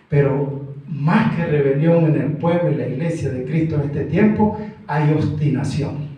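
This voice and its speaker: A man preaching an evangelical sermon as pastor, emphatic and animated, acting out the voices of the people he quotes. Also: fairly high pitch, highs cut off. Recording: echoey church room, mic far off.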